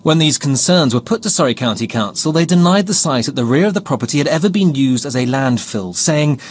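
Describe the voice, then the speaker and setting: A man's voice: a little high, lively intonation, fairly quick, slightly rough. A man delivering a scripted television news report as a reporter.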